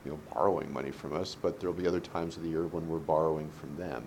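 A man speaking as a board member in a meeting, thinking aloud and haltingly as he questions a presenter. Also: fairly even intonation, vocal fry, darkish tone. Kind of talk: meeting discussion. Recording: low background noise in a meeting.

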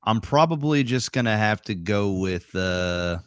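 A low-voiced man in his thirties talks in a relaxed, unhurried way as a podcast co-host, dropping casual swears. The sound is dry and close. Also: clean tone, no echo. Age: 30s. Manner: laid-back, drawn-out, swears, calls others bro and man. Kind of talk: casual chat.

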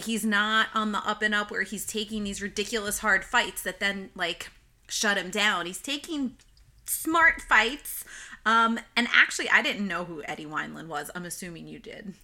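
A woman's voice: medium pitch, animated, moderate pace, bright, forceful tone. A woman co-hosting a podcast in casual chat, recorded inside a small closet, chatty and swearing freely. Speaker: podcast co-host.

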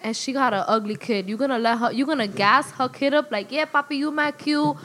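A woman's voice: high-pitched, fairly bright tone, a little hiss or hum. A woman co-hosting a casual podcast, chatty and slangy. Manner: chatty, slangy, quick to laugh. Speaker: podcast co-host. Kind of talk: casual chat.

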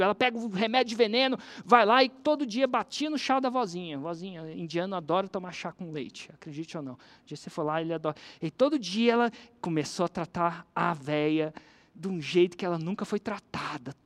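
Lively Brazilian storyteller. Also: medium pitch, brisk. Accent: Brazilian Portuguese. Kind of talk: storytelling lesson on persuasion.

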